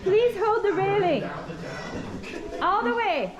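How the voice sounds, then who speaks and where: Female family vlogger, high and swoopy, casual jokey commentary, very busy group noise behind. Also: very animated, slow, lo-fi sound. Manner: playful, jokey asides. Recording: busy tour group chatter around.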